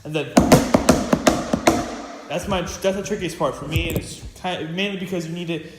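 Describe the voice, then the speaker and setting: A man's voice: fairly high pitch, fairly even intonation, moderate pace. Rambling teen boy in an echoey room. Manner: rambling, filler-heavy, many restarts. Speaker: student percussionist. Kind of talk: casual demonstration lesson. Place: practice room with a drum pad. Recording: echoey room with loud hiss.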